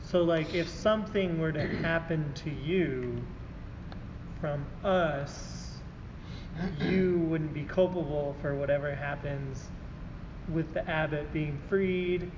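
A man's voice: a little high, slow pace. A man chatting casually as a player at a tabletop game. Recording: echoey hall, muffled, noisy background.

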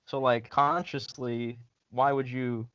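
A man co-hosting a sports podcast, chatting casually in halting, heavily profane bro slang. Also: medium pitch, level tone, fairly bright tone, no echo, muffled recording. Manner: slangy bro-talk, heavy swearing, halting.

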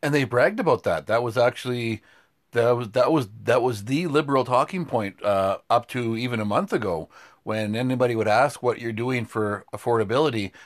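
A middle-aged man with a mid-pitched voice, co-hosting a casual political talk show. He tells his stories in an animated, indignant way. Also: normal speed.

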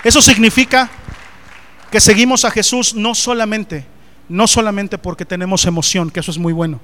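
A man delivers a sermon in a high voice. He speaks with animated conviction and keeps turning to the congregation with direct questions. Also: normal speed, some chatter behind. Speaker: preacher.

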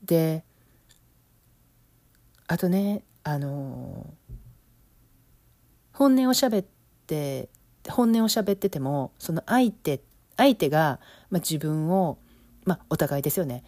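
A middle-aged woman with an Osaka accent, speaking reflectively in a casual monologue, with lots of fillers and soft laughs. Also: low voice, lively intonation, takes it slowly, pauses often, no room sound. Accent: Osaka Kansai Japanese. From Osaka, Japan. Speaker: business coach, podcast host.

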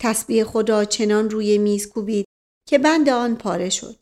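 A woman narrating a novel as an audiobook reader in measured storytelling. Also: mid-range voice, a little mellow. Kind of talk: scripted narration.

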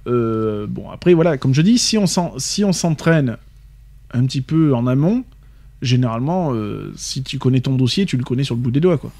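A man's voice: medium pitch, lively intonation, moderate pace, mellow. Rambling man in casual chat. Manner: rambling, fills talk with "voilà". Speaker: co-host.

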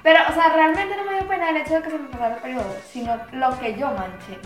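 A woman speaking frankly in a casual chat, telling stories and trailing off softly. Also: sits high, fairly even intonation, quick pace, echoey room, soft background music. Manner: frank, storytelling, trailing off quietly. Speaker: podcast guest.

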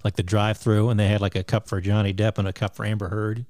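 A man co-hosting a podcast in a lowish voice. He tells stories haltingly, padding them with "like" and "uh". The sound is dry and close. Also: little pitch movement, a little mellow, no room sound. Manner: hesitant, filler-heavy storytelling. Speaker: podcast co-host. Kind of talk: casual chat.

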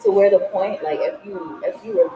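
A woman's voice: medium pitch, normal speed. A young woman in her twenties co-hosting a podcast in casual chat, often hesitating and correcting herself. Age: 20s. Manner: hesitant, restarts and self-corrections. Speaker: podcast co-host. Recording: echoey room with noise.

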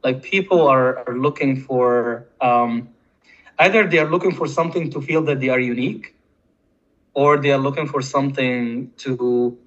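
A man with an Egyptian accent speaking casually as an interview guest, halting and often repeating words as he thinks. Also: medium pitch, fairly bright tone, dull audio. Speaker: podcast guest.

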